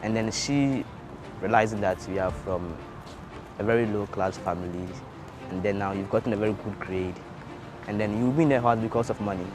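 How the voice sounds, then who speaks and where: Young man, halting testimony. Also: fairly low pitch, background noise. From Ghana. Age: young adult. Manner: halting, repeats words. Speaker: scholarship student. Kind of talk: interview testimony. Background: soft background music.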